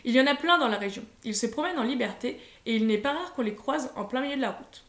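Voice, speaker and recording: A woman reading a children's story aloud in a lively, expressive way. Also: high voice, fast. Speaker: audiobook reader. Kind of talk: scripted storybook narration. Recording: roomy echo.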